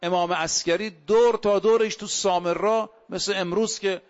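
A man's voice: high-pitched, fairly even intonation. A man cleric giving a sermon, preaching emphatically with rhetorical questions and stories. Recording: dull lo-fi recording.

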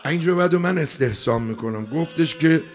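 A man preaching a mourning sermon, emotional, swinging between loud cries and hushed lines. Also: on the high side, lively intonation.

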